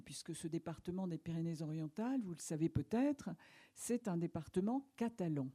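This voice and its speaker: A woman's voice: mid-range voice, dark tone. A French woman author talking at length in a conversational interview, thoughtful, with many small restarts. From France. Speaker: author guest. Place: media library talk.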